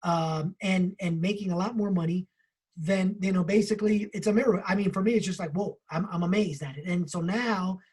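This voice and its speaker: A man co-hosting a book club, telling a personal story in an animated way with casual swearing. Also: high-pitched, brisk, slightly rough.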